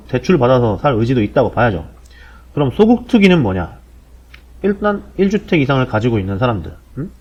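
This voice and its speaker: Blunt man in his forties, lo-fi audio. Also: darkish tone. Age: 40s. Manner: blunt, sardonic, slangy. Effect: low-quality compressed audio. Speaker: podcast host. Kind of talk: casual explanatory monologue. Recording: dull low-bitrate lo-fi audio.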